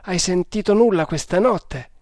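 A man's voice: high-pitched, moderate pace, darkish tone, dry recording, studio quality, voice pushed up, close to an everyday voice. A man voicing a Maratha servant who sounds alarmed and urgent in a storybook reading. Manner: urgent, raised, questioning.

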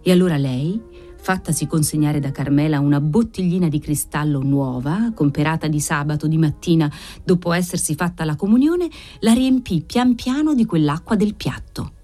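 Low, mellow-voiced woman narrator. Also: soft background music. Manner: measured, expressive storytelling. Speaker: audiobook reader. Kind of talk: literary narration.

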